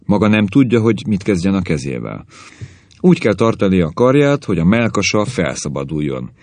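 A man's voice: deep voice, very animated, a little mellow, no echo. A man voicing a stern, pedantic professor of physical education who lectures and corrects. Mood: lecturing.

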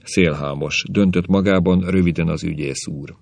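A man narrating an audiobook in a measured, wry storytelling manner. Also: deep voice, fairly even intonation, gravelly, darkish tone, dry recording.

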